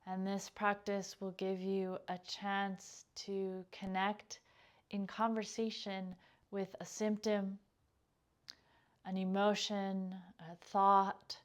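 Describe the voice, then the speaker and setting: In a medium-pitched voice, a woman leads a guided meditation as a yoga teacher, unhurried and gentle, letting each phrase trail off quietly.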